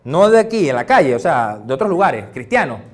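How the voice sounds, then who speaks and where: A male pastor with a Venezuelan accent, preaching in a relaxed, joking way and acting out little conversations. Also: on the high side, brisk. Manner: animated, joking, acts out little dialogues. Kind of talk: conversational sermon.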